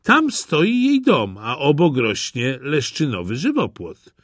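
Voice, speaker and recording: Guy putting on a high sweet little girl voice, innocent and trusting, storybook style. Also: huge pitch swings, slow, fairly bright tone, no room sound, clean studio sound, exaggerated voice. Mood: cheerful.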